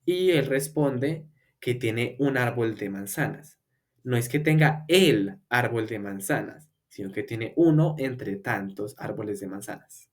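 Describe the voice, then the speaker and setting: A man teaching a beginner language lesson, patiently explaining step by step with repeated examples and slowing down to model words. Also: mid-range voice, animated. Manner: slows down to model English words for repetition. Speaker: English teacher.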